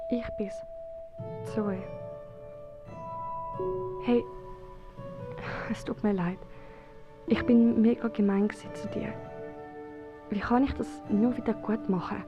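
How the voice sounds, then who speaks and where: A woman's voice: fairly high pitch, steady tone, takes it slowly, long pauses, highs cut off, over music. A young actress with a Swiss accent playing a remorseful schoolgirl friend, pleading earnestly in a radio play.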